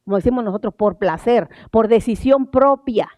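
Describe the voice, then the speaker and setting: Older female preacher, emphatic, slow scripture reading, dry close sound. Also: a little high, no room sound. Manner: emphatic, rising on key words, then drops to soft asides; reads scripture slowly and deliberately. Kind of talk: sermon. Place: church sanctuary.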